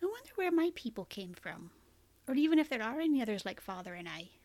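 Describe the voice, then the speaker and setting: A woman's voice: on the high side, sing-song, fast talker, darkish tone. A woman voicing a curious young woman. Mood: wondering. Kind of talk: audiobook character reading.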